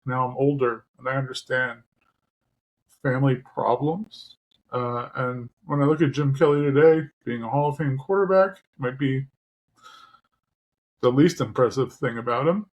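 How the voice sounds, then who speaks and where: A man in the middle of his pitch range, speaking haltingly on a podcast and pausing often as emotion catches him. He stops to apologize and then pushes on through the story. The talk is casual and from the heart. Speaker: podcast co-host.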